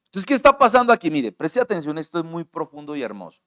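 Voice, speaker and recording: A man preaches from a church altar in a slightly high voice. He moves from soft near-whispers to fervent shouts and keeps questioning the congregation. It is a sermon delivered with full passion. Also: very animated, quick pace. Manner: impassioned, swings from hushed to shouting; asks the congregation frequent questions. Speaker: pastor.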